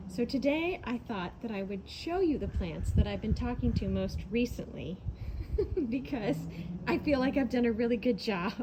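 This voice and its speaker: A woman's voice: a little high, background noise. A woman giving a casual, chatty garden tour, talking with enthusiastic affection about and to her plants outdoors. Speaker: garden vlogger.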